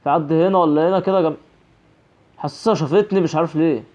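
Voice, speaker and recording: A man's voice: a little high, fairly even intonation, rapid-fire, a little mellow, dull audio. A young man with an Egyptian Arabic accent giving horror game commentary, jumpy and nervously rambling. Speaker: gaming channel host.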